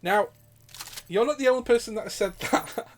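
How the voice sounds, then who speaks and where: A man's voice: very high-pitched, moderate pace. A man hosting his gaming channel, casually answering viewer questions while giving live gameplay commentary. He rambles, swears freely and laughs often.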